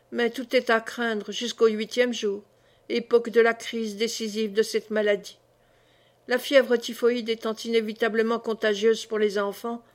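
A woman reading a historical novel aloud as an audiobook, telling a sorrowful first-person account in a measured way. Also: fairly high pitch. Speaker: audiobook reader.

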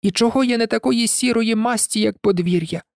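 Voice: medium pitch, brisk, vocal fry, no echo, clean studio sound, voice pushed up, natural voice. A reader voicing a sly young fox in a storybook, muttering and plotting to himself. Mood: scheming.

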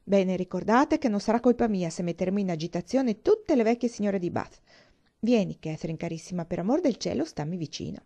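Woman reading a flighty, gushing young lady for an audiobook, lively swoops, mellow tone. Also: medium pitch, fairly quick, muffled recording. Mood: effusive.

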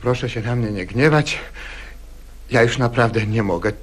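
A man's voice: medium pitch, normal speed, close to an everyday voice. An actor playing a sickly man at a party who keeps apologetically refusing drinks in an archival radio sketch. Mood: pleading. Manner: pleading, apologetic.

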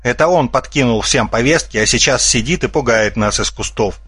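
A man voicing a gruff, quick-tempered male bear in an audiobook, barking angrily. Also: mid-range voice, a bit bright, no room sound. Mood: angry. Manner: barking, angry.

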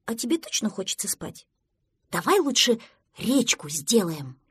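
Storybook duckling, small and cheerful, exclaiming everything in a high husky voice, read by a woman. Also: big pitch swings, unhurried, no echo, clean studio sound, heavily acted. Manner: loud, eager, exclaiming. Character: excitable little duckling, cheerful and bossy.

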